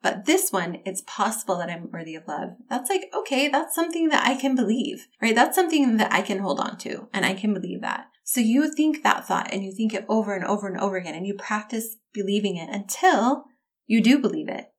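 A woman giving a self-help talk as a life coach, speaking in a warm, encouraging, conversational way and addressing her listeners directly. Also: mid-range voice, lively intonation, fairly quick.

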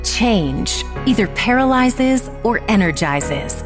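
A woman's voice: fairly high pitch, lively intonation, slow, over music. A woman announcer reading a scripted podcast intro and ad in a polished, promotional way.

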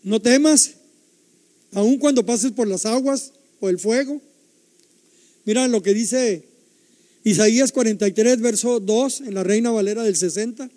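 A man's voice: extremely high pitch, unhurried, long pauses, dark tone, in a large hall. An older man preaching a sermon, emphatic and repetitive, putting rhetorical questions to his listeners.

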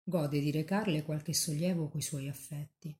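A nun giving a calm, measured devotional reading. Her voice is low and warm, with a mellow, dark tone.

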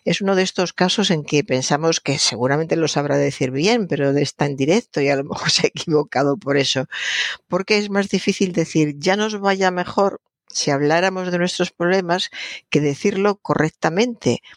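A woman's voice: sits low, fairly quick, no room sound, clean studio sound. A woman gives a radio talk on correct usage, patiently spelling words out and repeating her examples. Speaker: language commentator on a radio show.

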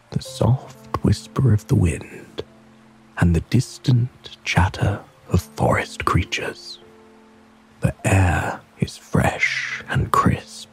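A man narrating a soothing sleep story and guided relaxation in a calm, gentle, soft breathy voice. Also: deep voice, poor audio.

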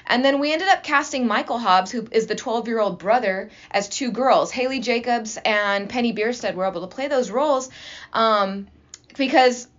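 This is a woman drama teacher talking eagerly in a casual interview. Her voice sits a little high, and she tumbles through her thoughts with restarts. The recording is slightly muffled and lo-fi. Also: moderate pace, fairly bright tone. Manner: enthusiastic, talkative, many restarts. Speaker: high school drama teacher and assistant principal.

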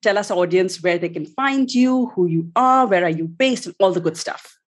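A woman's voice: lowish voice, animated, moderate pace. A woman hosting a podcast interview, introducing her guest with eager, effusive praise. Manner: enthusiastic, effusive. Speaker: podcast host.

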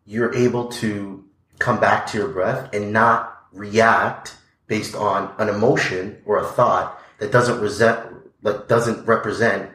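A man appears as a podcast guest in a casual interview, speaking earnestly and reflectively and filling his talk with "like" and "you know". His lowish voice is steady, slow and a bit bright, with a roomy sound.

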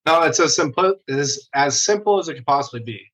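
A man's voice: fairly high pitch, expressive, fairly quick, a bit bright, low-quality recording. A man hosting a podcast interview, enthusiastic and casual with his guest. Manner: enthusiastic, calls guest brother and dude. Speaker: podcast host.

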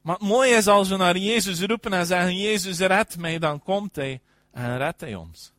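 Male preacher, higher register, emphatic sermon delivery, dry close sound. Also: expressive, normal speed, dry recording. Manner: emphatic, frequent affirming "ja", swings between loud and soft.

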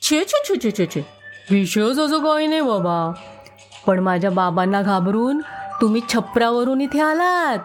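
Woman doing a sly fat frog, giggly and cheeky, storybook style, high voice. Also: lively intonation, a little slow, faint music behind. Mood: teasing.

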